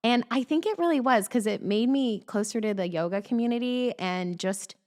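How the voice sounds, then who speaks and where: A woman's voice: fairly high pitch, normal speed. Reflective woman guest, laughing easily. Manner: open, reflective, laughs often. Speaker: podcast guest. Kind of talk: casual chat.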